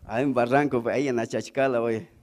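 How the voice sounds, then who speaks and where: A middle-aged man with a Bolivian Spanish accent, telling stand-up stories and acting out characters in an animated way. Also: mid-range voice, a little fast. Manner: animated, acts out characters, stammering gags. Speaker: comedian. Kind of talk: stand-up storytelling.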